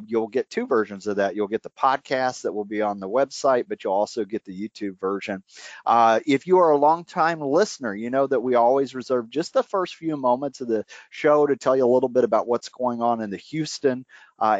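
A man hosting a radio money show from his bedroom, relaxed and chatty with many fillers. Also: medium pitch, normal speed, no echo. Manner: relaxed, chatty, frequent fillers and small laughs. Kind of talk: casual radio interview. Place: home bedroom. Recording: slightly dull, dry home recording.

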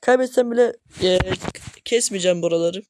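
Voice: medium pitch, brisk, darkish tone, slight background noise. A gaming channel host talking over gameplay at home, often frustrated, exclaiming and grumbling at teammates. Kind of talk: gameplay commentary.

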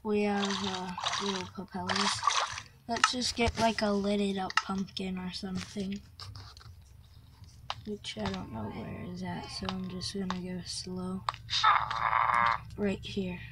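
A young girl tours a Minecraft map, chatting casually about the game in a mid-range, level voice. She speaks slowly and hesitantly, pausing often and filling gaps with lots of likes and ums. The clip is a phone screen recording with heavy noise.

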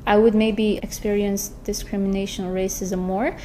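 A young woman in her twenties from Turkey and the Netherlands, chatting casually as a guest, lively and acting out what others say. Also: normal speed, a little hiss or hum. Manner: animated, acts out quotes in a higher voice. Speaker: guest answering questions. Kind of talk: casual chat. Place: large lecture hall, indoors. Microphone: camera in front, seated at a desk.

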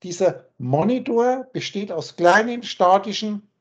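A man's voice: high-pitched, lively intonation, measured pace, slightly rough. A man teaching spiritual ideas on a video call, emphatic and insistent, often repeating his key points. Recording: muffled lo-fi call audio.

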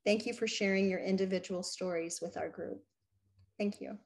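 A woman speaks warmly and appreciatively over a video call. Her voice sits in a middle range. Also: medium pitch, steady tone, moderate pace, vocal fry.

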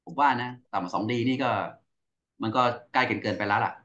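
A man's voice: lowish voice, fast, bright, forceful tone. Man explaining engineering in muffled audio. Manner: explains at length, with many fillers and restarts. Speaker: engineering expert answering questions. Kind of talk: technical Q&A explanation.

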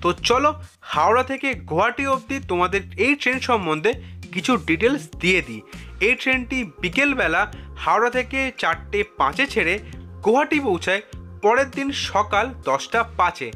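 A man reading scripted voice-over narration in an even, measured way. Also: high-pitched, faint music behind. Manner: even, measured, reads facts and figures.

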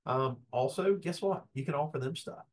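A middle-aged man giving a lively business workshop lecture in a folksy way, acting out bits of quoted dialogue. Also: a little high, moderate pace.

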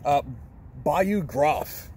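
A man's voice: a little high, very slow, darkish tone, slight background noise. Playful man reading out card names. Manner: reads card names aloud, playful, laughs often. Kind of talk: casual card-opening chat.

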